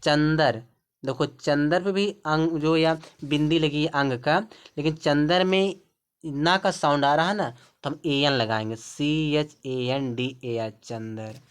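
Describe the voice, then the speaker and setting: A man's voice: on the high side, measured pace, clear, resonant tone. A man teaching a spelling lesson, patiently spelling out words letter by letter. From India. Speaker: English teacher.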